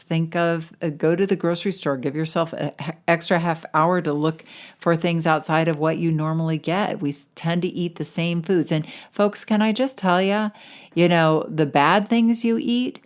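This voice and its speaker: A woman with a low voice hosts a podcast on losing weight. She talks casually and warmly to her listeners, with upbeat, encouraging energy. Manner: enthusiastic, conversational, encouraging. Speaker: weight-loss coach and podcast host.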